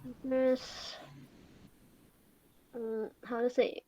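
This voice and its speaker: A woman who is a beginner English learner, answering practice speaking questions and searching for words with long pauses. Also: a little high, flat delivery, dark tone, lo-fi sound.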